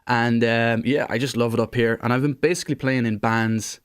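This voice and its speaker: A man's voice: mid-range voice, fairly even intonation, brisk, clean tone. A man with an Irish accent, a musician guest chatting casually in a radio interview. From Ireland, from Monaghan and later Galway.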